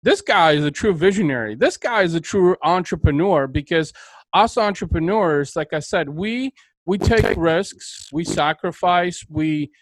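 A male podcast host with a fairly high voice. He talks with emphatic, motivational enthusiasm. The sound is dry and close, with almost no room around him. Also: dry recording, poor audio. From Bulgaria. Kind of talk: interview conversation.

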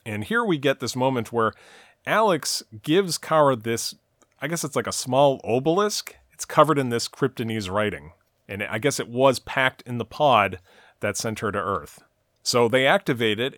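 A man's voice: medium pitch, lively intonation, normal speed, a bit bright, no room sound. Man recapping a TV episode, dry close sound. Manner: narrates the plot at length, with frequent "uh" and "you know". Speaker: podcast co-host recapping a TV episode. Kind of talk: casual recap chat.

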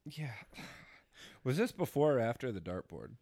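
A man's voice: medium pitch, very animated, normal speed, gravelly, dark tone, dry recording, clean studio sound. Young man telling a crude story. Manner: crude, joking, laughs a lot. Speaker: podcast co-host. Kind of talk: casual chat, storytelling. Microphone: studio podcast mic.

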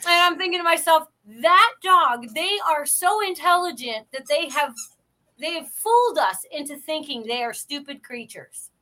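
High, bright-voiced woman in casual chat. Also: normal speed.

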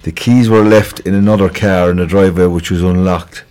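Speaking briskly in a low, darkish voice with a steady tone, this Kerry man gives an informal crime report interview on local radio. His police appeal is conversational and hesitant, with frequent repeated words.

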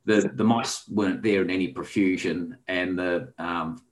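In a casual chat, an Australian guest tells a long travel story, rambling along with frequent ums and restarts. His voice is low and steady, moving at a moderate pace.

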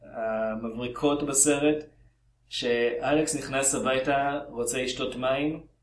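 Guy from israel co-hosting a movie podcast, jokey and animated, mid-pitch voice, roomy echo. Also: a little hiss or hum. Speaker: podcast co-host. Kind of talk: casual podcast chat about films.

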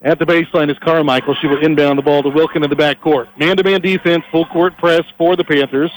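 A man calling college basketball on a headset mic, his voice set high and bright. He rattles through passes and dribbles at speed and jumps higher when a shot drops. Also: rough recording. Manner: rapid energetic calls, rising on big plays. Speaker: play-by-play announcer. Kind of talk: live basketball play-by-play.

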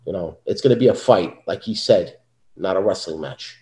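A man's voice: low-pitched, normal speed, darkish tone, reverberant. A man in his thirties with a Brooklyn New York accent, talking bluntly and tough in a casual interview. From South Brooklyn, New York, USA. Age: 30s. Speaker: professional wrestler, interview guest.

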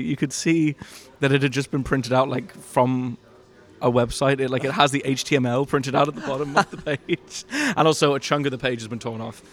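A man co-hosting a podcast, telling stories in a wry, hesitant way full of filler words. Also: medium pitch. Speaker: podcast co-host. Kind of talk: casual chat.

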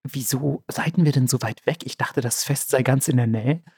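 A man's voice: mid-range voice, moderate pace, darkish tone, husky, no room sound, clean studio sound. A man voicing a young girl in a fairy tale retelling, talking in chatty slang. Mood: skeptical. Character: young girl, eager then skeptical.

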